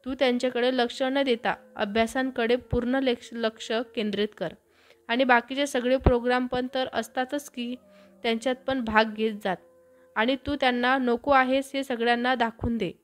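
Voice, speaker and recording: A woman voicing a gentle, reassuring young man in a storybook tale, speaking in a soft, encouraging tone. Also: fairly high pitch, fairly even intonation, normal speed, natural voice.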